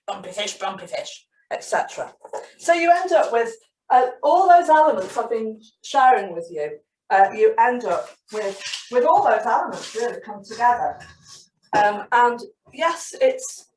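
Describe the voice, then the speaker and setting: A woman who tells stories and gives teacher training, talking in an animated, sing-song way. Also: a little high. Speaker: storyteller and early-years trainer. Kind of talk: webinar storytelling and teaching. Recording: roomy sound from a distant mic.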